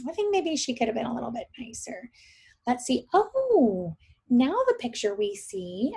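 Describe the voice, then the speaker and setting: A woman teacher reads a story aloud to young children, her voice on the high side and husky. She is expressive and often thinks aloud, posing questions to her listeners.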